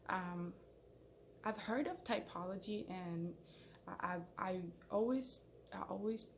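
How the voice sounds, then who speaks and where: Speaking at a medium pitch and a slow pace, this young Somali woman has a creaky voice, with a little hiss or hum in the audio. She hosts a channel and chats casually to a camera in front of her, framed at head and shoulders in a small indoor room, rambling self-consciously with lots of fillers and restarts.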